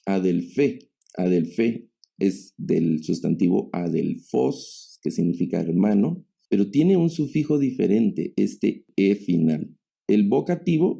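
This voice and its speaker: A man's voice: low voice, vocal fry, warm tone. A man giving a Greek grammar lesson, speaking in a patient, explanatory way and addressing his students directly. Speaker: Greek teacher. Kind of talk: online class lecture.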